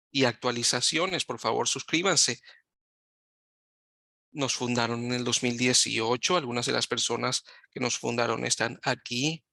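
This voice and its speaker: A man giving live Spanish interpretation of a webinar over a video call, talking in halting phrases and often correcting himself mid-sentence. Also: mid-range voice, gravelly, pushed and bright, no echo, studio quality. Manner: halting, with frequent self-corrections.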